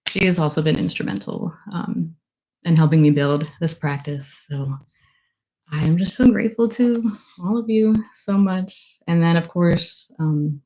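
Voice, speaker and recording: On a livestream at her book launch, a young woman offers casual thank-yous in a low, warm voice, emotional and gushing, rambling with lots of fillers. The audio is poor.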